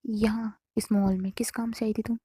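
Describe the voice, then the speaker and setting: A woman's voice: medium pitch, little pitch movement, normal speed, warm tone, slightly rough, natural voice. A woman voicing a jealous young woman who talks in an accusing, irritable way.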